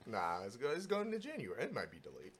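A man with a mid-pitched voice hosts a casual gaming chat. He speaks in blunt bro slang with plenty of swearing, loose and conversational. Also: wildly swooping pitch, fast, fairly bright tone, breathy edge. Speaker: podcast host.

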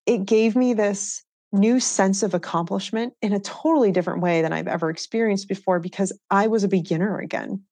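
A woman's voice: mid-range voice, fairly quick, few pauses, mellow, no room sound. A woman being interviewed, telling personal stories in an earnest, reflective way and laughing easily. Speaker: interview guest. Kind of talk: candid conversational storytelling.

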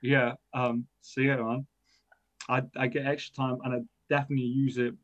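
On a podcast, a young engineering student whose first language is Persian chats loosely, rambling and running himself down, his speech full of fillers. The recording is dull and lo-fi, and his mid-range voice keeps a normal speed with little change in pitch.

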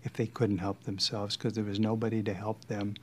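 Low-voiced old veteran remembering, hesitant. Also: male voice, little pitch movement, brisk, a little mellow, a little hiss or hum. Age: elderly. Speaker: war veteran. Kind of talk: documentary interview reminiscence.

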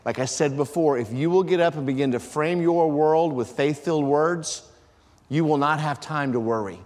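A male pastor preaching a sermon in an emphatic style that swells into shouts for emphasis. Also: on the high side, moderate pace. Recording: long reverb of a large hall.

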